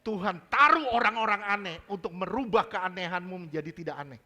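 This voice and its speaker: A male pastor preaches a sermon during a church service in a high, brisk, bright voice with a forceful tone. He's emphatic, slips casual slang into his preaching, and keeps quizzing the congregation with repeated questions.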